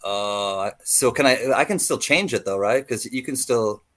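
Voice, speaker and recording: Male, medium pitch, livestream co-host, casual chat, friendly, hesitant phrasing. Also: a little slow, a bit bright.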